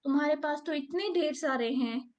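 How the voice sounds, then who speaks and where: A woman voicing a small, timid female fish who asks sweetly and softly in a children's story. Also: high voice, moderate pace, voice pushed up, lightly acted. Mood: pleading. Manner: soft, pleading.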